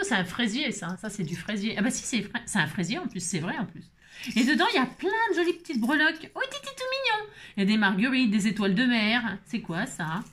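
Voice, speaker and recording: A woman chatting casually while opening her mail, exclaiming at each item and now and then dropping into high baby talk to her pet. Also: background noise. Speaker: craft vlogger opening mail. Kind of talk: casual chat unboxing mail. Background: paper crinkling and clicks.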